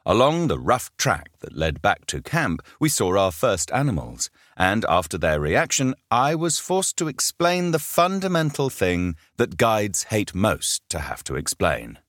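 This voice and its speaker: A man's voice: on the low side, huge pitch swings, measured pace, few pauses, a bit bright, no room sound. A man who once worked as a safari guide, telling a story with wry, dry humour. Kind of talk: storytelling narration.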